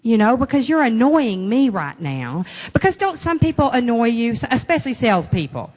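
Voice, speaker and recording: A woman sales trainer giving a live conference talk, chatty and lively, laughing often and playing to the audience. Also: a little high, moderate pace, big-room sound. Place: conference room.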